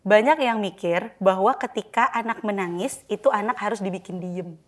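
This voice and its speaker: A woman's voice: mid-range voice, normal speed. A young woman, a parenting practitioner, giving advice on a podcast, mixing English phrases into her talk and acting out what a parent says to a child. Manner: mixes English phrases into speech, acts out parent-child dialogue.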